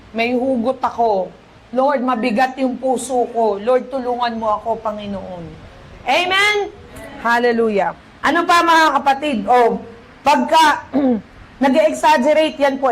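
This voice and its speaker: A woman pastor with a Filipino accent preaching a lively sermon, asking the congregation "Amen?" and quoting scripture in English. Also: high-pitched. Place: church.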